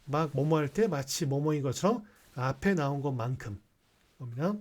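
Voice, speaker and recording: A man's voice: on the high side, expressive, normal speed, darkish tone. A male English teacher explaining sentences in a recorded class, reading English lines aloud between explanations and often checking with rhetorical questions.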